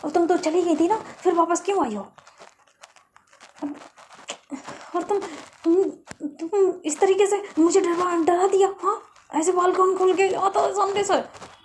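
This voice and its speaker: A woman voicing Lovely, a talkative schoolgirl who scolds in quick, indignant bursts. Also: high voice, mellow, slight background noise. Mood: indignant scolding. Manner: rapid scolding complaints.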